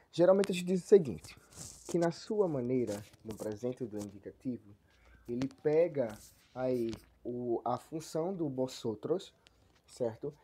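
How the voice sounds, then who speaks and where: A man teaching a grammar lesson online, explaining step by step, checking in with his listeners often, and reading example sentences slowly. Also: fairly high pitch, dark tone, no echo. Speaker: language teacher.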